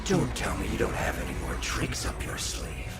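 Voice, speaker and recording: A man's voice: on the low side, normal speed, vocal fry. An actor playing a gleeful psychotic killer in an anime dub, taunting his victims with mock concern. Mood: menacing. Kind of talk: anime dub villain acting. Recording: echoing voice under loud music.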